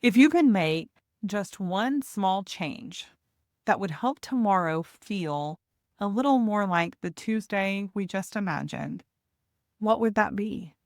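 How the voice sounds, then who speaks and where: A woman giving a gentle, deliberate motivational talk as a host, pausing reflectively between phrases. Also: medium pitch, expressive, dry recording, studio quality. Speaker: podcast host and hospice nurse coach.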